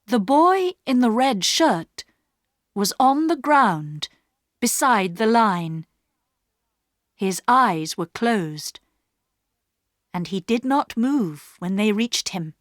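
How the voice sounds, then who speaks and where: A woman narrating a story in slow, clearly paced English for learners. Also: fairly high pitch, lively intonation, no room sound, studio quality. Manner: clear, carefully paced reading.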